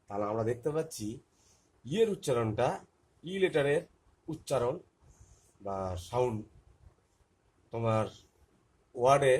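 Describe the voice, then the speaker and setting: A man's voice: mid-range voice, a little mellow, husky. A man with a Bengali accent teaching a phonics lesson to young children, spelling words letter by letter and repeating them.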